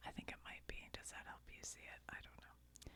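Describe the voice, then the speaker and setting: In a casual ASMR show-and-tell, an American woman whispers to the viewer, musing aloud as she reads things out. Her whisper is breathy and gravelly, brisk in pace and sharp in tone.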